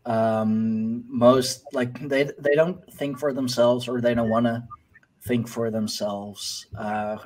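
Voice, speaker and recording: A man's voice: mid-range voice, fairly even intonation, slow, a little mellow. Hesitant man chatting casually. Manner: hesitant, trailing, searching for words. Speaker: podcast host. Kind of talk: casual chat.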